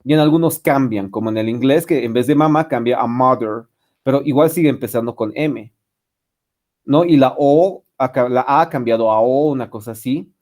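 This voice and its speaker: A man's voice: medium pitch, moderate pace, a little mellow. A man giving an online English lesson, rambling with many fillers and restarts. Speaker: English teacher. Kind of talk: online lecture.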